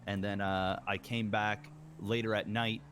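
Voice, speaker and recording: A man's voice: fairly low pitch, little pitch movement, unhurried, fairly bright tone, slight background noise. Rambling man retelling a story. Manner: rambling retelling, full of ums and uhs, acts out quoted lines. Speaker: roleplay gang member. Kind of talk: in-character roleplay storytelling.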